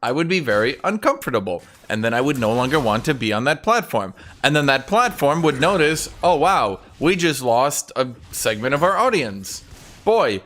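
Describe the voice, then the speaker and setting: Young male streamer, sarcastic casual chat, bright edgy voice. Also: a little high, slight background noise. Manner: sarcastic, mocking, swears freely. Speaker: game streamer. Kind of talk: casual live-stream commentary.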